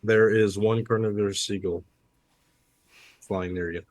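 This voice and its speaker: A man narrating and making rulings as game master, in a relaxed, easygoing way. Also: on the low side, unhurried, no room sound.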